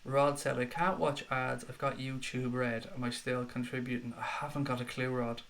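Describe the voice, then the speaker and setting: A man's voice: mid-range voice, level tone, normal speed, vocal fry, a bit bright. A man with a Dublin Irish accent hosts a casual live stream with a slight head cold, reading viewer messages aloud and answering them in a matey way. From Dublin, Ireland.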